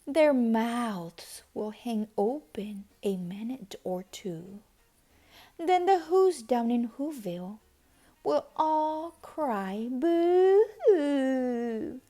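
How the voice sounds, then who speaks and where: Woman reading as the Grinch, slow and slyly gloating. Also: a little high, animated, mellow. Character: sly, gloating grumpy male holiday-hating creature. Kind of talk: children's storybook read-aloud.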